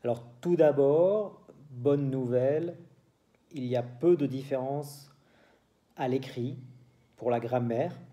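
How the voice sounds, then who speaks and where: A man from France with a French accent, teaching a French lesson to Spanish speakers in a slow, explanatory way and switching between French and Spanish. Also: mid-range voice, dark tone, dull audio.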